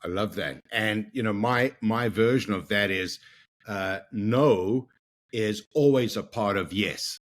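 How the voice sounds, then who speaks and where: A man's voice: lowish voice, takes it slowly. A male podcast host in a casual, upbeat interview chat who likes to wrap up with a quote, talking over a video call. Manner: upbeat, fond of closing quotes.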